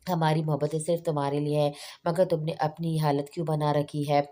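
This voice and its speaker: Brief: a woman doing a tearful, pleading young woman, low mellow voice. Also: flat delivery, fairly quick, lightly acted. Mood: remorseful. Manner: pleading, remorseful.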